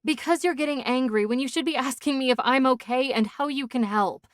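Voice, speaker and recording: A man voicing a young pregnant woman in an audiobook, soft and shaky at times, then firm and scolding. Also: very high-pitched, brisk, clean tone, dry recording, studio quality, voice pushed up. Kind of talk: audiobook character voice.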